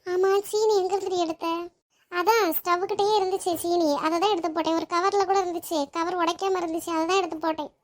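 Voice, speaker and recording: A woman voicing a group of chatty, emotional young women friends in a cartoon, with quick scolding banter that turns tearful. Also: very high-pitched, fairly even intonation. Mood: teasing. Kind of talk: animated cartoon voice acting.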